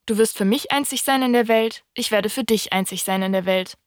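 Woman reading a calm, thoughtful storybook fox, fairly high voice, dry close mic. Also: a little fast, no echo, lightly acted. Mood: wistful. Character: fox, a wise, wistful wild fox. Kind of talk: audiobook reading.

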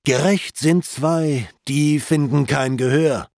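A man's voice: a little high, takes it slowly, a little mellow, no room sound, clean studio sound. A man reading the part of a lamenting male glutton's ghost in an epic poem, with raised, pleading declamation.

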